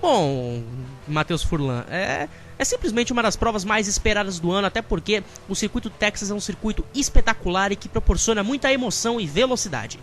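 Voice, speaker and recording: A man with a Brazilian accent hosts a motorsport talk show. His voice is strikingly high for a man as he presents and hands over to colleagues. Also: lively intonation, fairly quick, few pauses, fairly bright tone. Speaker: host.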